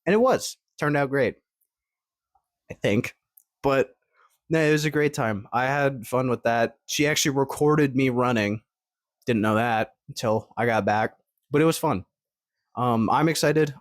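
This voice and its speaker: A man's voice: medium pitch, no room sound, clean studio sound. A man of twenty telling stories to camera in a rambling, upbeat way, with lots of fillers and restarts. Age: 20s. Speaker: vlogger. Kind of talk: casual storytelling to camera.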